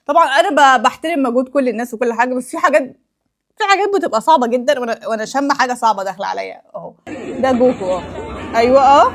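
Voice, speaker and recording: Quick, high-pitched Egyptian woman reacting. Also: a faint crowd. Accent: Egyptian Arabic. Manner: exclaiming, teasing, laughs often. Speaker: anime YouTuber. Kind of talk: reaction commentary.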